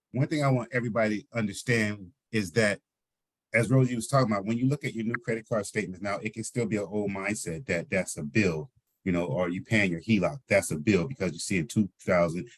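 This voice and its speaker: Deep husky guy running a group voice chat meeting, teaching, hammers his points over and over. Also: a little fast. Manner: instructive, repeats key points for emphasis. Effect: group voice chat audio. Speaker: host of an online financial team meeting. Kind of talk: coaching a group over a voice call.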